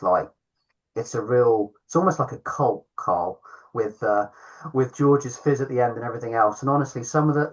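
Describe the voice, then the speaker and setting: A man's voice: fairly low pitch, a bit bright, low-quality recording. A man, a podcast host and club founder, chatting in an enthusiastic, self-deprecating way. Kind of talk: casual chat.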